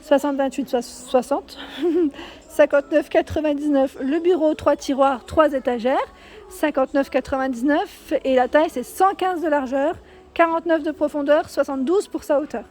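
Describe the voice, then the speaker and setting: A woman's voice: high-pitched, normal speed. A woman vlogging a walk through a furniture store, reading out prices and sizes one by one and correcting herself now and then. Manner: reads out prices and sizes in a steady list, with small self-corrections. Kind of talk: casual store walkthrough vlog.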